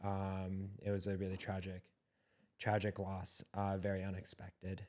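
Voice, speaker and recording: A man's voice: deep voice, completely flat delivery, measured pace, darkish tone. A young man co-hosting a podcast, speaking in an earnest, reflective way as he searches for his words in a candid conversation. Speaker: podcast co-host.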